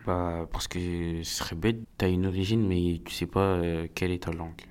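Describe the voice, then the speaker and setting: A man's voice: deep voice, fairly even intonation, normal speed, a little mellow, smooth. A man of Congolese family speaking casually and plainly about the language spoken at home. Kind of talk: personal testimony.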